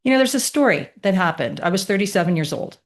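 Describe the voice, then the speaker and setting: A woman in her late fifties, a podcast guest telling a personal story with emphatic, animated delivery and rhetorical questions. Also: medium pitch, quick pace. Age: 50s.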